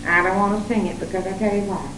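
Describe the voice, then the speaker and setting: A woman's voice: mid-range voice, fairly even intonation, fast talker, noisy background. A woman songwriter bantering playfully with friends and laughing often. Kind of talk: casual chat among friends. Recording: old echoey tape recorded from far off.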